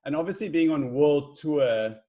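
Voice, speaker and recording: A man's voice: a little high, animated, normal speed, mellow. A man hosting a casual interview in an informal, encouraging way.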